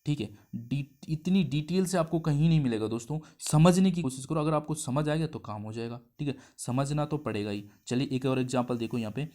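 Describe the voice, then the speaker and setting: A man teaching a Hindi grammar lesson in a middle-pitched voice. He breaks each step down and keeps checking whether his listeners follow. He stretches syllables out slowly and says them over. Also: warm tone. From India. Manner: explains step by step, asks the class questions. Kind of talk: exam-prep lesson.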